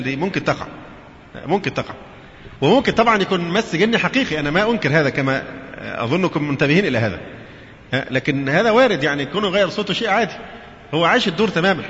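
A man with a fairly high, bright-toned voice delivers a religious lecture, switching between formal and colloquial Arabic and posing questions to the audience. The hall recording is dull and reverberant, with faint noise.

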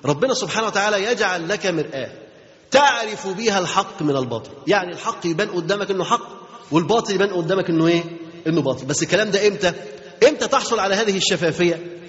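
An Egyptian-accented man teaches religion at a quick clip in a fairly high voice. He keeps asking his listeners questions and repeating phrases for emphasis. The recording is dull and lo-fi, with a long hall reverb. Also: animated, fairly bright tone. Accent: Egyptian Arabic. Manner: asks the audience rhetorical questions and repeats key phrases. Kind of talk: Islamic religious lesson.

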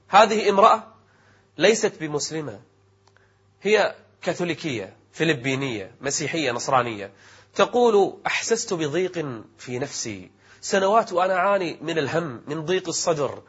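A man preaching in formal standard Arabic as a programme presenter, with an emphatic, rhetorical delivery and a husky voice. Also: a little high. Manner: formal classical Arabic diction. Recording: dull, muffled lo-fi audio.

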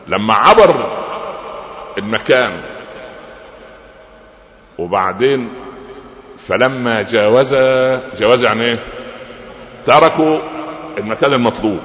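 A preacher with an Egyptian Arabic accent gives a sermon lecture, telling stories with rhetorical questions and humorous asides. His voice is medium-pitched and fairly bright, recorded lo-fi in an echoey hall with faint noise.

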